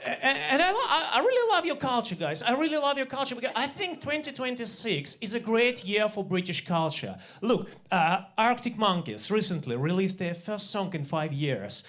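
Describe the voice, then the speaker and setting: Russian-accented man, halting stand-up. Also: high-pitched. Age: 40s. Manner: halting deadpan delivery with many fillers and restarts. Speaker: stand-up comedian. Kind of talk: stand-up comedy set. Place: comedy club stage.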